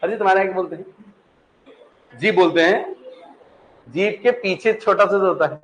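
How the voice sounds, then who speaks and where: A high-voiced man with a Pahari-influenced Hindi accent teaches a class at a moderate pace, patiently chatting, repeating his questions to the students, and checking comprehension. The low-quality recording carries a little hiss or hum.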